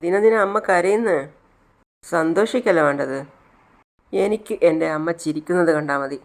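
A man's voice: high-pitched, moderate pace, vocal fry. A man voicing a loving, cheerful grown son who is affectionate and teasing toward his mother. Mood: tender.

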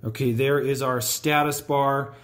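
A man's voice: mid-range voice, steady tone, measured pace, fairly bright tone. Friendly man walking through a phone tutorial. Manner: friendly, step-by-step explaining. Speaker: tech tutorial host.

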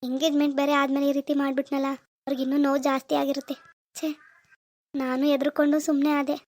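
A woman's voice: sits high, level tone, quick pace, darkish tone, natural voice. A woman voicing a worried, regretful young husband in a cartoon. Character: remorseful young husband Satish.

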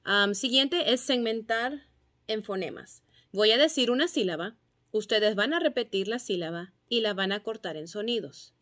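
A woman teacher patiently explaining phonics drills and sounding out syllables and letter sounds clearly. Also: on the high side, moderate pace, fairly bright tone. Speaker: kindergarten teacher.

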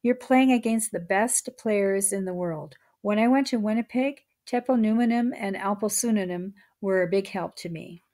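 Reading aloud from her own nonfiction book, a woman keeps a steady, measured delivery. Her pitch sits in the ordinary middle range for a woman.

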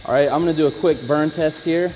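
A man who installs flooring, giving a casual on-the-job demonstration, relaxed and practical as he talks while working. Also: fairly high pitch, fast talker, a little hiss or hum, rough recording. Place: indoor work floor.

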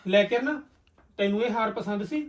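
A man with a Punjabi accent acting a loyal, trusting elder brother who calmly reassures his sister. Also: high voice, normal speed, natural voice. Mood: protective. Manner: calm, protective, reassuring. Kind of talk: Punjabi short film acting.

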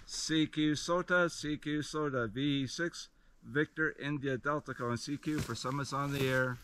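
A man's voice: a little high, a little slow, a bit bright. A man working a ham radio call from a summit, reading out call signs in phonetic alphabet and giving signal reports. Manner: crisp call-sign readouts and signal reports. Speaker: amateur radio summit activator. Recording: noisy outdoor recording.

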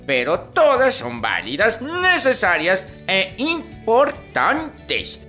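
A man voicing a friendly young male mouse puppet on a children's radio show, talking slowly and gently. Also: high voice, wildly swooping pitch, faint music behind, heavily acted. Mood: cheerful.

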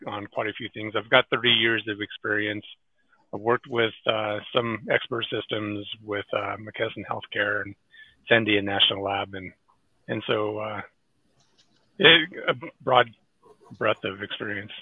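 A man speaking as a technical architect in a casual panel discussion over a video call, halting with many restarts. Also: fairly low pitch, no echo. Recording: tinny video call audio.

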